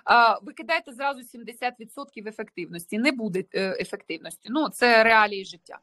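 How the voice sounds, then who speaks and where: Russian-native woman, French teacher on a video call, patient, keeps asking if you follow, fairly high voice. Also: lively intonation, brisk, sharp tone. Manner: explains patiently, checks understanding with tag questions. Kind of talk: online language lesson.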